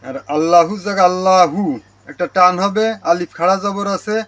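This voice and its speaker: Bangladeshi bengali guy, kinda high voice, goes over the arabic words again and again, real patient religious lesson. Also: a bit bright. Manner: slow, careful, repeats Arabic words to correct pronunciation. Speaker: Islamic teacher and channel host. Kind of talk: religious lesson on Quran recitation.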